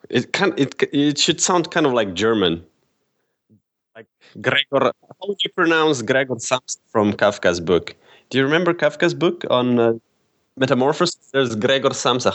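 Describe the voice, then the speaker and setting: A man, a philosopher guest in an interview, explaining carefully and hesitantly with many restarts. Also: mid-range voice. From Slovenia. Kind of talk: casual interview.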